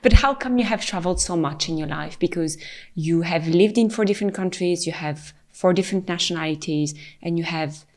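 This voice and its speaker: A woman's voice: fairly low pitch, brisk, a little mellow. A woman hosting a podcast, asking curious questions and laughing along with her guest. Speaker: podcast host. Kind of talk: podcast interview.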